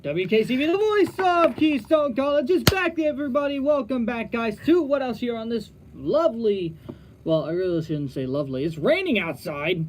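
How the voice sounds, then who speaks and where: A young man hosting a college radio sports talk show, talking straight to his listeners with lots of restarts and animated emphasis. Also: high-pitched, moderate pace, background noise.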